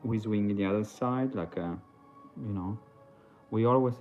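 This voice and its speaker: A man's voice: fairly low pitch, measured pace, a little mellow, highs cut off, soft background music. A man from Italy, talking casually on a livestream in a hesitant, rambling way full of fillers and restarts. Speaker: livestream host.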